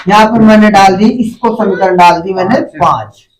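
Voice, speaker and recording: Heard through a distant mic in an echoey room, a high-pitched male math teacher speaks at a moderate pace. He leads his class call-and-response style, posing questions and addressing students as "beta."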